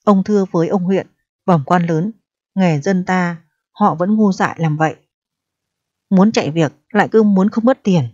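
A woman's voice: lowish voice, moderate pace, long pauses, darkish tone, no echo, natural voice. A woman reading as a scolding, scheming clerk. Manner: scolding, wheedling. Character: scheming older male court clerk. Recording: dry, dull lo-fi recording.

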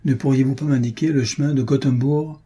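A man's voice: medium pitch, fairly even intonation, fairly quick, mellow, breathy edge, voice pushed up, lightly acted. A man reading an audiobook, voicing a bold young male Huguenot swordsman who speaks politely and resolutely. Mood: courteous.

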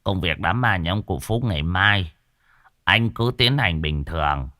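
A man voicing a stern old male exorcist master who gives gruff commands. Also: sits low, expressive, a little slow, bright, forceful tone, dry recording, clean studio sound, heavily acted. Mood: instructing.

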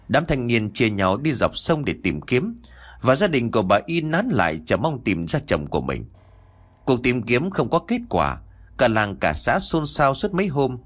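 A man narrating a village ghost story as an audiobook, in an expressive, dramatic manner. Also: medium pitch.

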